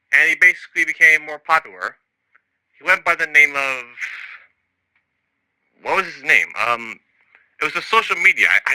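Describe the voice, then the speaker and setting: In a low-quality, dry recording, a man with a fairly high, pushed and bright voice narrates an improvised audio log. He tells his story in a rambling, hesitant way, frequently drifting off and losing track.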